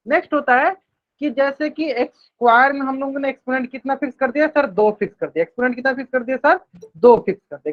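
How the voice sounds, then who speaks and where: A man teaching a live online math class, repeating each question to the students and answering it himself, drawing out English math terms slowly. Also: extremely high pitch. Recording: dull lo-fi stream audio.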